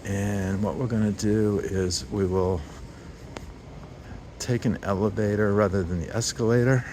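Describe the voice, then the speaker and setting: A man's voice: lowish voice, fairly even intonation, a little slow, darkish tone. A man giving a casual, unscripted walking tour, hesitant and thinking aloud as he goes. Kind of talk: casual, unscripted walk-through commentary. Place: indoor train station, walking. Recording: very noisy busy train station.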